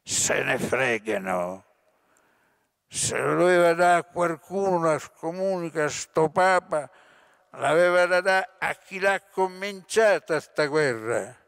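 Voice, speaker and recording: A man's voice: medium pitch, expressive, slow pace, gravelly, few pauses, a bit bright, no room sound, studio quality, heavily acted. A man reading a bitter, sweaty fat man. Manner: clipped, bitterly patient.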